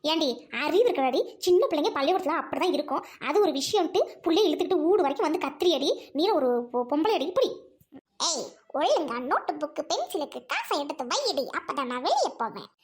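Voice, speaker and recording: A woman playing a loud, insulting neighbor woman picking a quarrel in a comedy skit. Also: very animated, quick pace. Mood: quarrelsome. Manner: shrill, insulting.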